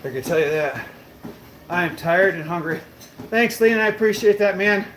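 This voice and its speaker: On a gym treadmill, a brash, boastful man in his late thirties livestreams, casually swearing while chatting through comments and a little short of breath. His voice sits high with a fairly bright tone at a moderate pace, and the room is echoey with faint noise.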